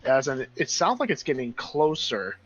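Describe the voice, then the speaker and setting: A man running a tabletop game as dungeon master, narrating with animated, drawn-out emphasis. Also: medium pitch, highs cut off, faint music behind.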